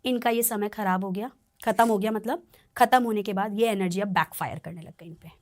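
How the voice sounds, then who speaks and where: A woman's voice: medium pitch, fairly quick, a little mellow. A woman tarot reader talking on a podcast, explaining in an earnest, warning tone. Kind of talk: podcast conversation.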